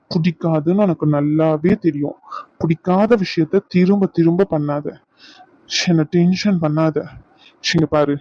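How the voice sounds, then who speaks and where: A man's voice: on the high side, no room sound, natural voice. A man voicing a jealous young husband in a dubbed cartoon, sarcastic and accusing, recorded lo-fi. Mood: stern. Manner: accusing, sarcastic, repeats his demands. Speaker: cartoon voice actor.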